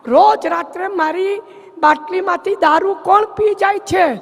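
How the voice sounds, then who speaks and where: A man's voice: extremely high pitch, unhurried, creaky, pitched above the performer's own voice, full character voice. A male comedian playing a suspicious master who keeps demanding answers from his servant. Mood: scolding. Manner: demanding, scolding. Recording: long hall reverb from a large venue.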